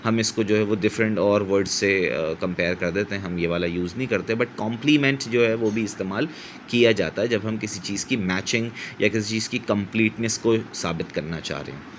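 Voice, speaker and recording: A man's voice: fairly low pitch, brisk, slight background noise. A middle-aged man from Pakistan teaching English vocabulary in a patient, explanatory way, repeating words to model their pronunciation and correcting himself as he goes. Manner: corrects himself mid-sentence.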